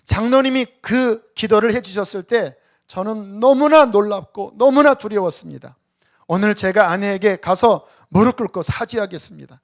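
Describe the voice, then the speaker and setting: A man giving a sermon speaks as a humbled old man in his seventies who confesses earnestly and pleads. The voice sits high. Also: normal speed. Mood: confessing. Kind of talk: sermon storytelling.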